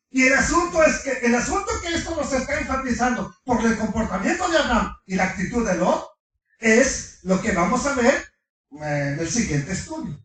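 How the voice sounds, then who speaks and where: A middle-aged man preaching a sermon to his congregation, animated, firing rhetorical questions and slipping in humorous asides. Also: extremely high pitch. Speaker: pastor. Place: large congregation hall. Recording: echoey hall from far off.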